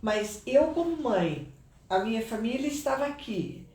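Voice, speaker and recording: A middle-aged Brazilian woman, guest on a live stream and mother of a cancer patient, gives a very animated, earnest, prayerful testimony in a Brazilian Portuguese accent. Her darkish voice keeps a measured pace but rises in pitch when she is moved, and the distant mic leaves it sounding roomy.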